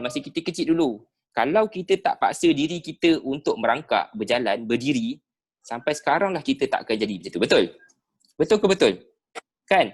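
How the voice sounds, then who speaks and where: A Malaysian man with a Malay accent teaching sales skills in an online class over a video call, animated and dropping "ha" between phrases. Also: medium pitch, slightly rough. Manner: animated, peppered with "ha" and rhetorical checks. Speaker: sales trainer.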